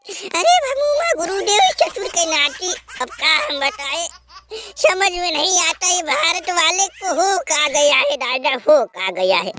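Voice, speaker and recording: A man voicing a bossy, blustering male cricket rival who shouts and scolds, in a comedic dubbed sketch. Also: very high-pitched, big pitch swings, slow, exaggerated voice. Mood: scolding. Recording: noisy recording with clicks.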